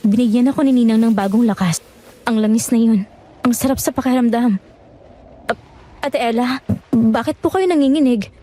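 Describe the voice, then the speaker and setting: A woman acting as a young girl turning into an aswang, high voice, politely sweet and creepy, hungry for flesh, in a horror audio drama. Her talk stays soft and dreamy. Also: moderate pace, long pauses, close to an everyday voice.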